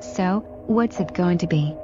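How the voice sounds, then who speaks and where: A woman voicing a menacing villain who taunts a trapped victim over the phone, cold and unhurried. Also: on the low side, muffled recording, music in the background, natural voice. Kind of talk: story reading. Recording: with loud musical backing.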